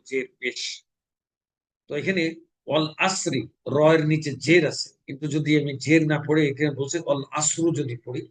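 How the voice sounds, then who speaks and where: A man from Bangladesh teaching Quran recitation, explaining pronunciation rules and slowly chanting example verses. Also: fairly high pitch, rough recording. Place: mosque.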